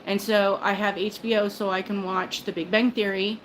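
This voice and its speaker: This is a livestream host, an older woman, rambling chattily in a casual stream and breaking into her own sentences with fillers, laughs and restarts. Her mid-range voice stays fairly flat in pitch at a normal speed. Recorded on a phone, the low-quality audio carries slight background noise.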